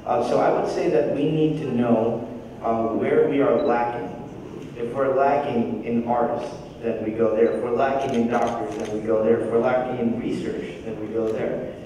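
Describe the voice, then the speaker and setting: A man on a panel talks in a mellow, dark tone, pausing and restarting as he thinks. He sounds distant from the mic, with the long reverb of a big hall around him. There is faint noise in the background. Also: medium pitch, fairly even intonation. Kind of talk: panel discussion remarks. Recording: echoey hall, mic far off.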